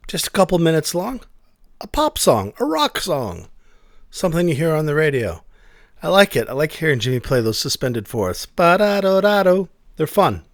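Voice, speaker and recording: A sleepy, laid-back man chats offhandedly as a music podcast host. His pitch rises and falls freely. The sound is dry and close, with no room in it. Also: creaky, no room sound. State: sleepy, yawning. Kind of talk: casual music podcast chat.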